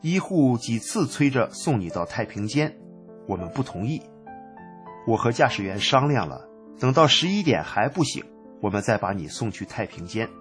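A man's voice: medium pitch, very animated, moderate pace, faint music behind. A man narrating a first-person story in a plain recounting manner.

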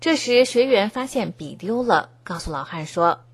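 A woman reading scripted news narration in an even, formal tone. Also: medium pitch, moderate pace, husky. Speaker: news reader.

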